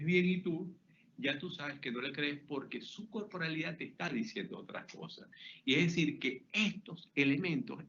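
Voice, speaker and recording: A man leads an online lecture, his voice sitting a little high for a man. He speaks to his audience directly, using questions and everyday examples. The computer-mic audio sounds muffled and lo-fi, with a faint noise beneath it. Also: a bit bright. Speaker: communication trainer. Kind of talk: webinar lecture.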